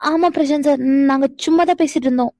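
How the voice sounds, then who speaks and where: A woman voicing an anxious young woman in a cartoon, defensive and quick to exclaim. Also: high voice, warm tone, no room sound, clean studio sound, close to an everyday voice. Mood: flustered. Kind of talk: animated cartoon dialogue.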